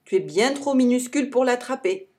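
A woman's voice: on the high side, lively intonation, a little fast, darkish tone, close to an everyday voice. A woman voicing a timid young male friend in a storybook, hesitant and wry.

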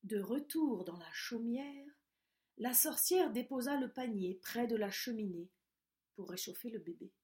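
Slow, gentle female storyteller. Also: a little high, expressive. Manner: gentle, slow, dropping to a soft hush. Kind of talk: reading a children's story aloud.

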